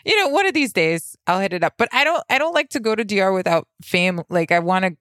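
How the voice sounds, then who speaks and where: A woman's voice: mid-range voice, fast, dry recording, clean studio sound. A woman co-hosting a podcast in a bubbly, enthusiastic casual chat. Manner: bubbly, enthusiastic, lively reactions. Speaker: podcast co-host.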